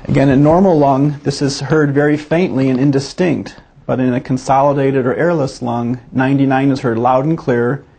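Students follow along as a male physician methodically explains each step of a demonstration. He speaks at normal speed in a mid-range voice that is gravelly and husky, dark and mellow in tone, and steady throughout.

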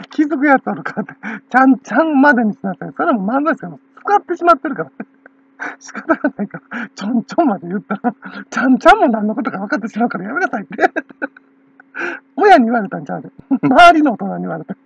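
A woman's voice: on the high side, gravelly, slightly rough, no room sound. A woman with a Kansai accent talking in a rambling casual monologue, laughing often between phrases, on a dull lo-fi recording. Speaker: channel owner.

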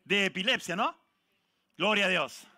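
High-voiced, bright, joking pastor. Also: male voice, moderate pace. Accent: Chilean Spanish. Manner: lively, jokes with the congregation, calls out people by name. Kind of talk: sermon. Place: church.

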